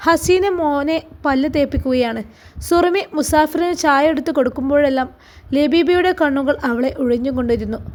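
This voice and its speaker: A high-voiced woman reads a story aloud. Her delivery is expressive and dramatic. She narrates as a storyteller.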